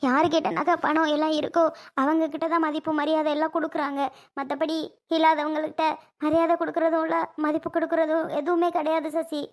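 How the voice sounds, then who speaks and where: A woman playing a poor young village mother who speaks softly and sounds wounded. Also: high-pitched, level tone, brisk, lightly acted. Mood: hurt. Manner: soft, pleading, wounded. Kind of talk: village skit acting.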